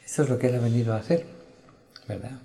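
A man's voice: mid-range voice, fast, dark tone. A man preaching a sermon in an earnest, reflective way, often checking in with his listeners. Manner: earnest, reflective, frequent "¿verdad?" asides.

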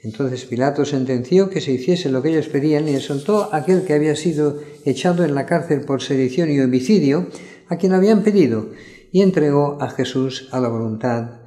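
Slightly high-voiced male preacher, echoey room. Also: mellow. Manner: reads scripture slowly, stressing the crowd's cries. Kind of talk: sermon with Bible reading.

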